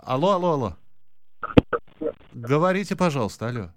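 A man hosting a live radio phone-in in a conversational, halting, self-correcting way. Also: mid-range voice, big pitch swings, heavy background noise. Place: dry studio.

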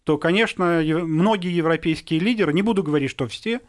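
A man's voice: fairly high pitch, fairly quick. A man on a panel discussion, speaking carefully and qualifying his points with frequent restarts. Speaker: panel guest.

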